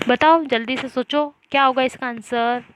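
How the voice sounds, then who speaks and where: A woman teaching a primary school class, reading words slowly syllable by syllable and asking the children questions. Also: high voice, steady tone, fairly bright tone, a little hiss or hum. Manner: slow, syllable-by-syllable reading drills with repeated questions. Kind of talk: online class lesson.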